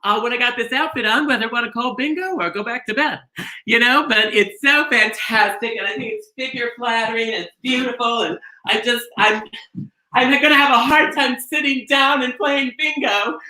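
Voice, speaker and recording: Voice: mid-range voice, moderate pace, bright, forceful tone. A performer playing a campy, gushing beauty-queen bingo hostess from Minnesota, with theatrical comic delivery in a bingo caller style. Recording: roomy echo, music behind.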